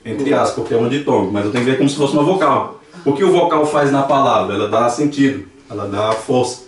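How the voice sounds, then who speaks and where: A man's voice: medium pitch, fast talker. Brazilian man teaching in an echoey room. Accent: Brazilian Portuguese. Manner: patient explaining, repeating examples aloud. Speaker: Dutch language teacher. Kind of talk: classroom lesson. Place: church classroom. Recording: echoey room, distant mic.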